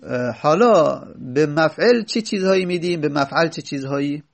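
Gravelly-voiced man explaining grammar. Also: on the high side, animated. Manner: reads a text line, then explains it; asks and answers his own questions. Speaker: teacher. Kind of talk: teaching Arabic grammar from a classical text.

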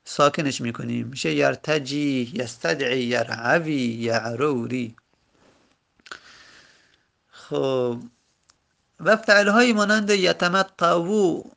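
A man teaching a grammar lesson, slowly drawing out example words and stopping to correct his own slips. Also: on the high side, creaky, a bit bright. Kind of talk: explaining lesson.

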